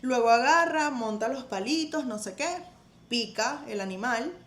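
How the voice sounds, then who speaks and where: A woman's voice: moderate pace, a bit bright. A woman with a Venezuelan accent, casually and animatedly retelling a Bible story on a podcast, laughing and acting out quotes. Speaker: podcast host. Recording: echoey room, faint rumble.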